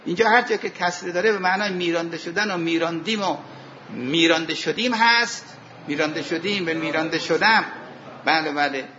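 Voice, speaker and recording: A man teaching a seminary class on Arabic grammar and scripture, asking his students questions, answering them himself, and reciting verses slowly. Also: fairly high pitch, pushed and bright, dull audio, slight background noise. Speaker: religious studies teacher.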